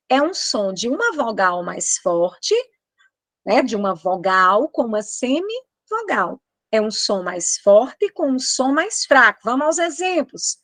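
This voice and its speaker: Animated Brazilian woman teaching grammar. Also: fairly high pitch, no echo. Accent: Brazilian Portuguese. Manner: animated, emphatic, stretches out example words. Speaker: Portuguese teacher. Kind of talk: online exam-prep lesson.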